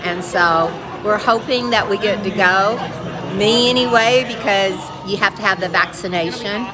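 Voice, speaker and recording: Cheery middle-aged lady vlogging on her phone, mid pitch, music playing behind. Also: moderate pace, crowd noise. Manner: bubbly, gushing, proud. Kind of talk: casual vlog chat. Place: home kitchen, then restaurant bar with TVs. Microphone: phone camera at arm's length.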